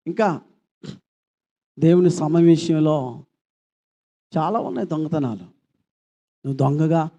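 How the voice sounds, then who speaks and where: High-voiced male pastor preaching. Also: dark tone. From India. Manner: preaching with rising, impassioned emphasis. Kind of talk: sermon. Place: church service.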